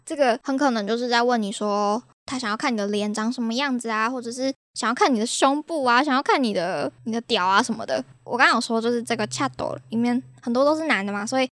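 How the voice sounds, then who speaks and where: A woman's voice: on the high side, fast talker, few pauses, fairly bright tone, no room sound, studio quality. A young woman from Taiwan with a Taiwanese Mandarin accent, hosting a podcast in a chatty, exasperated storytelling way. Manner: chatty, exasperated, laughs at her own stories. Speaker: podcast host.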